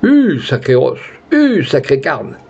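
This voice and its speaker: A man's voice: mid-range voice, wildly swooping pitch, takes it slowly, gravelly, a little mellow, breathy edge, muffled recording, heavily acted. A man voicing a greedy, hot-tempered old peasant who talks in rustic country speech and sputters out exclamations. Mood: cursing.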